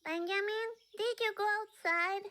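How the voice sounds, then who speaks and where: A woman's voice: very high voice, fairly even intonation, normal speed, sharp tone. A woman voicing a sweet, plucky, naive little girl in a video game, with a childlike, earnest delivery. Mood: searching, worried. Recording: video game audio with music behind.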